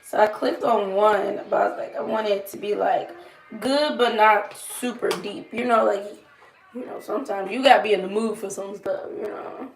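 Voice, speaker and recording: Young woman, strained throaty creaky voice. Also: mid-range voice, steady tone, brisk. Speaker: makeup vlogger. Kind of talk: casual chatty get-ready-with-me. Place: small room indoors. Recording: roomy echo, light background noise.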